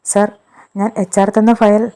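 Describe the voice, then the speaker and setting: An earnest young woman on her first job answers politely and softly, in a storybook reading, as the narrator puts her on. The tone is mellow and unforced. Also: mid-range voice, level tone, measured pace, close to an everyday voice. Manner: polite, soft replies. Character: earnest 24-year-old woman, new employee.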